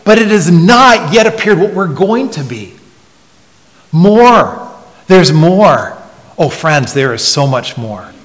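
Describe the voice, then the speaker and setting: Slow, earnest preaching man in a reverberant hall. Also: fairly high pitch, sing-song. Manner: earnest, swings from loud emphasis to hushed near-whisper; repeats words in restarts. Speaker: pastor. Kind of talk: sermon.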